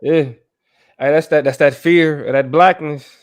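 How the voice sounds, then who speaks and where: A male host with a fairly high voice talks in a loose, conversational way. He keeps tossing in "right?" and "you know what I mean" while he argues his point. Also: steady tone, unhurried. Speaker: show host. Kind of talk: casual debate recap.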